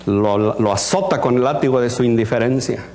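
A pastor preaching a sermon in a church, asking the congregation questions, acting out little scenes and slipping in English words. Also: male voice, mid-range voice, brisk, a little hiss or hum. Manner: animated, asks the congregation questions and acts out scenes. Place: church hall. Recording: long reverb of a church hall.

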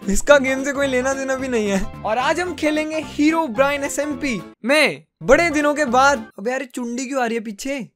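A young gaming YouTuber with an Indian accent and a very high, slightly bright voice gives casual, joking, self-mocking commentary as he plays, mixing English into his talk.

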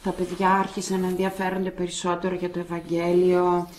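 A middle-aged woman sharing her faith testimony in a measured way, with pauses and restarts. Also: on the low side, monotone, darkish tone. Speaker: guest giving a faith testimony. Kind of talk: personal testimony.

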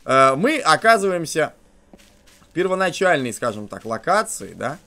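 Man, game commentary, high voice that leaps up and down, crude jokes, yells at the character. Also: normal speed. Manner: excitable, swings from mumbling asides to shouting. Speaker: game streamer. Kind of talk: let's play commentary.

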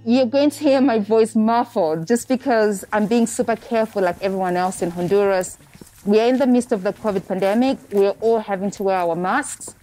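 A woman's voice: mid-range voice, normal speed, dark tone. A woman presenting a documentary, her voice muffled by the face mask she is wearing.

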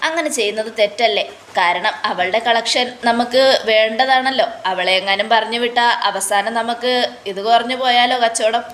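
A woman's voice: on the high side, normal speed, fairly bright tone, slight background noise, close to an everyday voice. A woman voicing a practical middle-aged mother-in-law who coaxes and reasons with her family. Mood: coaxing. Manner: coaxing, reasoning.

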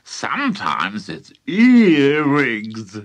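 A man voicing a gloating, menacing old grandmother with a witchy streak, in a slow, relishing, creepy drawl. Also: mid-range voice, wildly swooping pitch, no room sound, pitched above the performer's own voice, full character voice.

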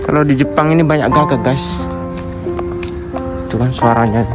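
A man talks casually to viewers as he vlogs outdoors at night. His remarks are short and offhand, with a middling pitch. The handheld phone recording has very loud music behind the voice. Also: normal speed. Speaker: vlogger, adult accompanying a child. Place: outdoors on rural paths and fields at night.

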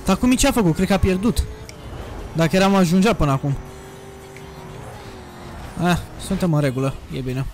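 A young man giving crude, excitable commentary on a racing game he is playing, with sudden shouts, into a desk microphone at home. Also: sits high, pauses often, soft background music. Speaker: gaming youtuber. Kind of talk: casual gameplay commentary. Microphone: desk USB microphone.

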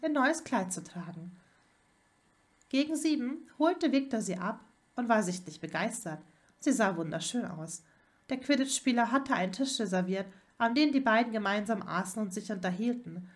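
Casting: Erzählerin für Fan-Hörbuch, gleichmäßiger Vortrag, eher helle Stimme. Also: female voice, a little high, lively intonation, normal speed. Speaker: narrator. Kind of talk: fan fiction audiobook reading.

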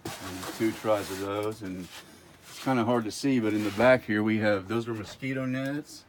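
In noisy phone footage shot close by on a handheld camera, a middle-aged man walks a large warehouse and lists its stock item by item. His delivery is casual and repetitive, in a lowish voice at a moderate pace.

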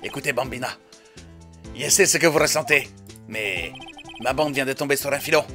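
A man's voice: mid-range voice, moderate pace, bright, forceful tone, close to an everyday voice. A man voicing a swaggering cowboy detective with a put-on Spanish accent, reading a video game's lines. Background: game music.

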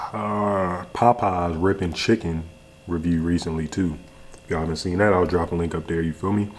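Low-voiced young American man chatting casually. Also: a little mellow. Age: young adult. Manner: laid-back, slangy. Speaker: food reviewer, video host. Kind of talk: casual chat to camera while eating. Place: indoors, home kitchen.

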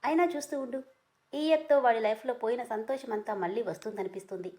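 A woman reading a gentle young husband reassuring his wife, high-pitched. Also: quick pace, lightly acted. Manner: gentle, comforting.

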